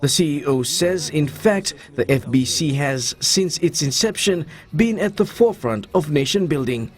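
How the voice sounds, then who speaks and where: A male news reporter delivers scripted narration. His voice is distinctly high-pitched for a man. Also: lively intonation, moderate pace, soft background music.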